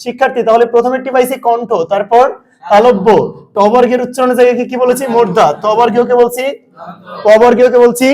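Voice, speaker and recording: A man's voice: very high-pitched, little pitch movement, fast talker, a little mellow. A man teaching a grammar lesson, asking his students questions and answering them himself.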